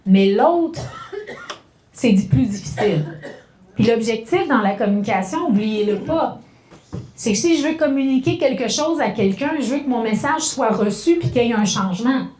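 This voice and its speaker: A middle-aged woman with a Québécois French accent giving a spoken lesson on communication, talking conversationally and slowing down to act out examples. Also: a little high, expressive, darkish tone, roomy sound. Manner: conversational, acts out examples with slowed, stressed phrases. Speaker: communication workshop speaker.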